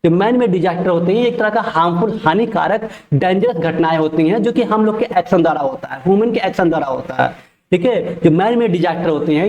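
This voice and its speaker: A male teacher giving an exam-prep lecture who explains each point twice and reads English definitions slowly. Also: high-pitched, darkish tone, roomy sound, highs cut off.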